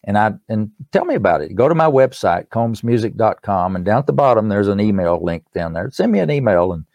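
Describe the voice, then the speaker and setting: Older man, East Tennessee accent, lowish voice, folksy and earnest, conversational, close dry recording. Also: lively intonation, brisk, a little mellow, no room sound. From East Tennessee, United States. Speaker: musician and author, interview guest. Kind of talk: conversational promotional talk.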